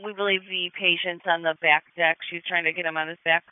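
A man's voice: on the high side, little pitch movement, a little fast, smooth, no room sound. A man working as an emergency dispatcher on ambulance radio, giving clipped procedural acknowledgements. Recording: narrowband two-way radio.

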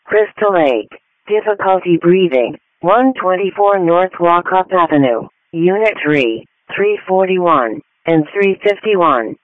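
A man's voice: high-pitched, expressive, takes it slowly, no echo. A man's voice reading formal fire dispatch announcements in separated phrases over radio. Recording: narrow, tinny radio channel.

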